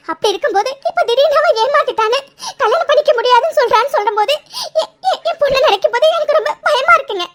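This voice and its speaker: A tearful, begging mother in a cartoon, stammering through pleas in a very high, hurried voice, as a woman puts her on. Faint noise sits under the close, dry recording. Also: fairly bright tone. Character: pleading mother of the bride, tearful.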